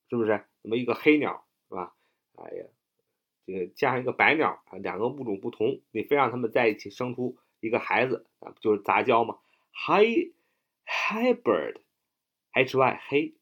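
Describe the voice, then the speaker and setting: Lively man teaching vocabulary. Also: fairly low pitch, muffled recording. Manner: spells words letter by letter, repeats words slowly; chatty, animated, frequent "啊" fillers. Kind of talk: vocabulary lesson with memory tricks.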